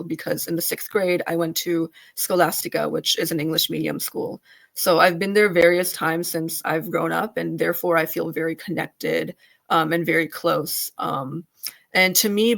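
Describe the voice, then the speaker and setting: Teen girl panelist, low and gravelly, composed and articulate. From United States. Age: teens. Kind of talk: casual self-introduction.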